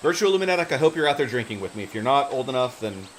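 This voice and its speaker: A man's voice: medium pitch, fast talker. A man chatting casually on a livestream, rambling and often trailing off as he loses his thread. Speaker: live streamer and fiction writer. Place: home office. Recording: steady hiss and room noise.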